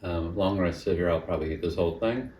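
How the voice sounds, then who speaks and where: A man hosts a home cooking channel, chatting casually and criticizing himself as he cooks, tastes, and talks between bites. His low, slightly mellow voice moves fast and sounds roomy and far from the mic. The audio is poor, with a little hiss or hum.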